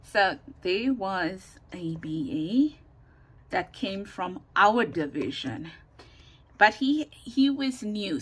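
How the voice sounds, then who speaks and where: A craft tutorial host demonstrates a project at a desk in her home, her mid-range voice loud and carrying as she rambles chattily and thinks out loud. No separate mic is used, just a camera or phone, and the room is noisy.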